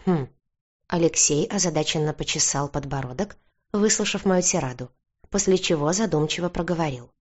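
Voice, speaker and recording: A woman narrating a first-person audiobook with even, clear storytelling. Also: low-pitched, moderate pace, highs cut off.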